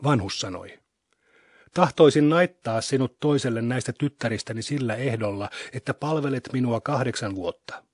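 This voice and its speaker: A man giving a solemn, scripted scripture reading in a measured, unhurried manner, recorded close to a studio microphone. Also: medium pitch, darkish tone, no echo. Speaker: scripture reader.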